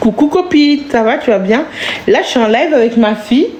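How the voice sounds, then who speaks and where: A woman live streaming in casual chat, cooing doting baby talk and breaking into wailing, sob-like high notes. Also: animated, a little fast, darkish tone, reverberant, slight background noise.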